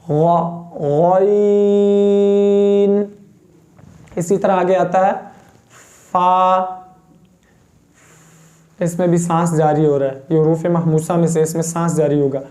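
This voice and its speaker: A man teaching Quran pronunciation, patiently demonstrating each letter sound slowly. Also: a little high, level tone, warm tone. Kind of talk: step-by-step pronunciation lesson.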